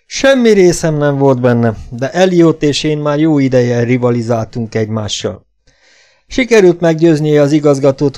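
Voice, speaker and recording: A man's voice: medium pitch, mellow, pitched above the performer's own voice, natural voice. A man voicing a bitter, washed-up older male ex-spy who drinks heavily, grumbling and complaining in an audiobook. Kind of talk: audiobook character voice.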